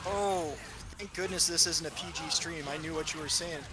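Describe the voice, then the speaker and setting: Man from the US East Coast, thirties, easygoing co-caster, slightly high pitch, music clearly behind. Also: steady tone, normal speed. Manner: laid-back, self-deprecating banter. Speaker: co-commentator. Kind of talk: casual esports commentary.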